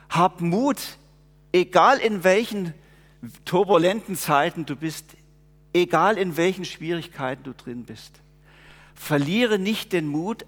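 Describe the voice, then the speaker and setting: A calm, consoling Jesus, as a preacher puts him on, speaking slowly and gently. The voice rings with a long church reverb. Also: male voice, high voice, full character voice. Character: Jesus, calm reassuring male Lord.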